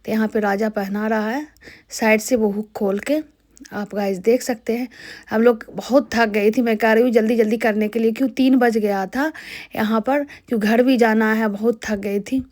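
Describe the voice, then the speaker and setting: A young woman from Bihar narrates her vlog in a slightly high voice. She talks to her viewers in a casual, chatty way, explaining each step as it happens. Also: fairly even intonation, normal speed, a little mellow. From Bihar, India. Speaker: vlogger.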